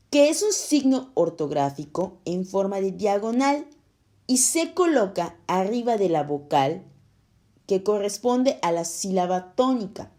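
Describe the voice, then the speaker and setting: A woman reading a scripted lesson for schoolchildren, explaining slowly and clearly. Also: mid-range voice, warm tone. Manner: slow, clear, explaining to children. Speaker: teacher.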